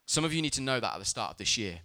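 A man preaching a sermon as a pastor, speaking with emphasis and telling lively personal stories. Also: medium pitch, rapid-fire.

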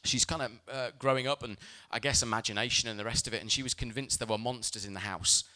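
A man, a pastor, delivering a sermon in a bright, forceful voice. He preaches with emphasis and tells lively stories from his own life. His pitch sits in the middle of the male range. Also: fast. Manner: emphatic preaching, mixed with lively personal storytelling.

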